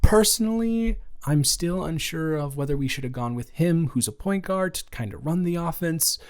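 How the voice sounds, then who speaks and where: In an improvised intimate audio roleplay, a man plays a caring, awkward young roommate, speaking casually with rambling, stammering, reassuring hesitation. His voice is fairly high-pitched and darkish, animated, at normal speed.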